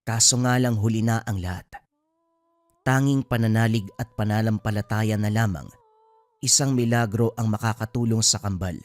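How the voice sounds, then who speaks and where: A man narrating a horror story in a steady, solemn storytelling manner. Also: lowish voice, moderate pace, no room sound.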